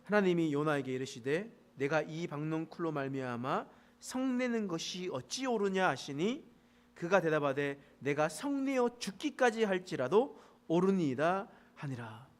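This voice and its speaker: A man preaching a midweek sermon as pastor, telling the story animatedly and reading verses more quietly and formally. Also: a little high, expressive, moderate pace.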